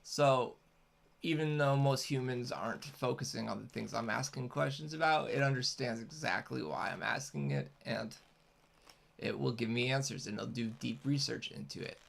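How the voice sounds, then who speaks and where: A man's voice: medium pitch, moderate pace, vocal fry, fairly bright tone. A man chatting casually and unscripted as a host, rambling and hesitant as he explains things. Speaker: host, content creator.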